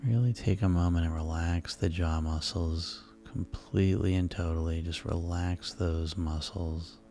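A man guiding sleep hypnosis in a soft, soothing, unhurried manner, leaving pauses between phrases. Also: low-pitched, steady tone. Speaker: hypnosis guide. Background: relaxation music.

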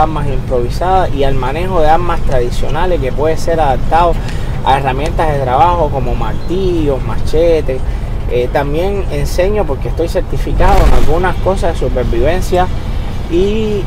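A middle-aged man speaks as a martial arts instructor in a fairly high, earnest voice. He explains at length and often repeats a word while he thinks. Music plays clearly beneath his voice-over. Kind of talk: voice-over commentary. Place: in the United States.

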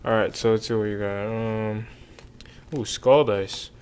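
A man's voice: lowish voice, steady tone, unhurried, darkish tone, clear, resonant tone. A man doing laid-back, slangy unboxing commentary as a YouTube host, often muttering to himself. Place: carpeted room at home.

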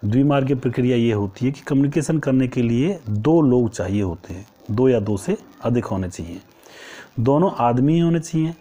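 A man's voice: mid-range voice, lively intonation, normal speed, dark tone. A male teacher giving an exam-prep lecture, asking rhetorical questions and answering them himself, and repeating key phrases for emphasis.

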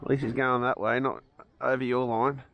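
Out on a sandy beach beside the water, a middle-aged Australian man chats casually as he fishes for his vlog, upbeat and frequently chuckling. A head-mounted action camera picks up his mid-range, level voice at a moderate pace, though the recording sounds muffled.

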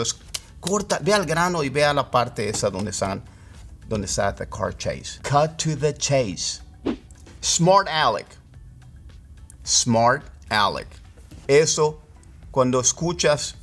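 A man teaching English idioms. He explains patiently and repeats phrases slowly, word by word. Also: mid-range voice. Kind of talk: Spanish-language lesson on English idioms.

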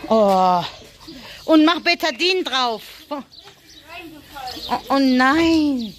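A woman's voice: high voice, animated, very slow. Chatty German woman on a farm. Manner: chatty, talks to animals and kids in a cooing voice. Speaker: vlogger. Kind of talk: casual farm vlog. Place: outdoors on a small farm. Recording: faint farmyard noise, chickens.

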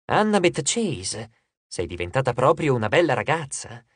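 A preening goddess of love in a storybook reading, as an audiobook narrator puts her on, gushing and condescending, her voice swooping up and down with a husky edge. She is recorded close and dry. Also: medium pitch, sing-song, moderate pace, dry recording. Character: vain, glamorous goddess of love, adult female. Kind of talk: audiobook character voice.

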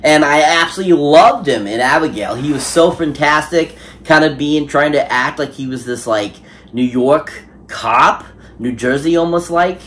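A man's voice: a little high, moderate pace, fairly bright tone. A man giving a casual spoken film review, enthusiastic and rambling, with many fillers and restarts. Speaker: movie reviewer.

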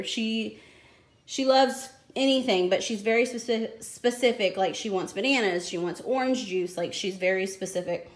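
An American woman in her thirties, medium-pitched, rambles and explains informally like a family vlogger showing off a grocery haul. She's at the counter of her home kitchen, filmed on a handheld phone behind the camera, and the echoey room is filled with crinkling plastic packaging and clicks.

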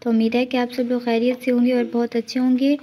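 Flat-voiced woman hosting a cooking vlog. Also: a little high, fast. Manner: even, steady explaining. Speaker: cooking channel host. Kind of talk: step-by-step cooking voice-over. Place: home kitchen.

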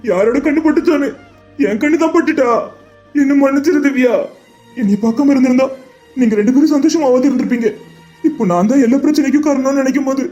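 A man's voice: high-pitched, a little mellow, dull audio, lightly acted. A man voicing a grieving, loyal young man in a cartoon drama, talking in an earnest, pleading way. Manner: earnest, pleading, tearful monologue.

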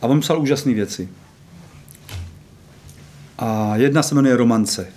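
A man's voice: mid-range voice, slight background noise. A man reciting a long poem on a theater stage in a dramatic storytelling manner. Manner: storytelling, varied dramatic delivery. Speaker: poetry reciter. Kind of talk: recited poetry with guitar. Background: loud plucked guitar.

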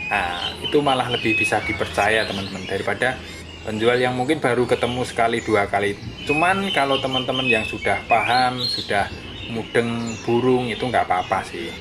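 A medium-pitched man talks at normal speed in a casual bird-keeping vlog, filmed on a phone outdoors near bird cages on paving. His manner is friendly and chatty as he explains, and he keeps saying "friends" with a dropping tail; the phone audio picks up clear background noise.

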